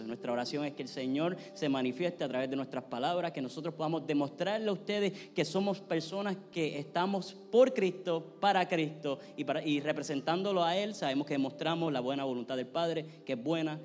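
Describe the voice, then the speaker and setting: Male pastor, high voice, fervent sermon and prayer, long reverb in the sanctuary. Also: fairly quick, hardly any pauses, darkish tone. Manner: preaches with rising intensity, prays fervently. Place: church sanctuary. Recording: long hall reverb, faint music.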